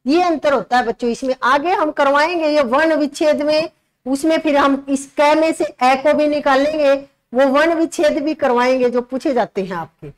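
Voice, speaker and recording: High-voiced woman teaching grammar. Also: moderate pace, low-quality recording. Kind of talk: exam-prep grammar lesson.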